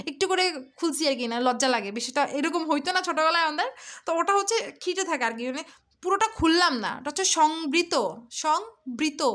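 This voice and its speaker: A woman's voice: high voice, bright, forceful tone. A young woman tutoring exam prep in a chatty lesson, often breaking off to sound out vowels herself. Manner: chatty, self-interrupting, demonstrates sounds aloud. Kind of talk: casual explanatory lesson.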